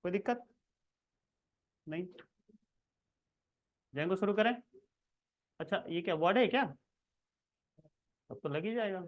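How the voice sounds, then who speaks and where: In a casual screen-recorded coding lesson, this male tutor talks viewers through every step, checking in frequently. His voice sits high and unhurried, with long pauses, and the highs are cut off.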